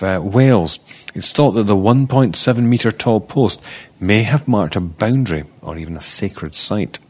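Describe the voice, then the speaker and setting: A man with a Scottish accent hosting a podcast news roundup, reading stories with playful asides and self-deprecating jokes. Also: on the low side.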